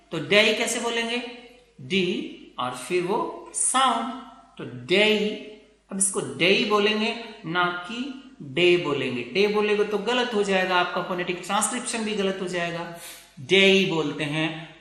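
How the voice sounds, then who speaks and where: A man teaching English pronunciation in a video lesson, explaining slowly and checking with his students again and again. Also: high-pitched, pushed and bright. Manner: explains slowly, repeats words and checks with "theek hai na". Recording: very echoey room.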